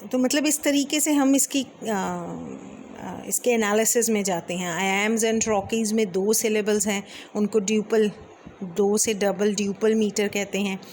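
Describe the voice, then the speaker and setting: Female lecturer, mid pitch, measured step-by-step explaining, slight background noise. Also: fairly even intonation, darkish tone. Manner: explains step by step, mixing English terms, frequent fillers; reads verse lines slowly. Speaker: teacher. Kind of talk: Hindi lecture on English poetry.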